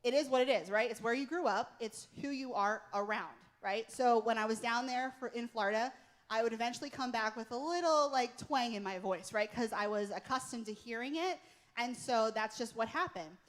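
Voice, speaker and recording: A woman speaks from a church stage in an earnest, storytelling way. Her voice is somewhat higher than average, and she leans on "um" and "right?" as she talks. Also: fairly quick. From Pennsylvania. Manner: earnest storytelling, tag questions. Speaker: worship leader, guest speaker. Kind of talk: conversational sermon. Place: church stage before a congregation.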